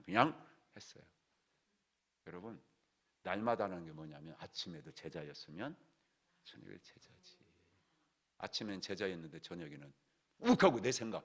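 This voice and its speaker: A low-voiced male pastor preaches in a church, his pitch leaping all over the place. He drives his points home with sudden loud bursts, then drops to hushed near-whispers. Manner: animated preaching, swings from loud exclamations to hushed asides. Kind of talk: sermon. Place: church sanctuary.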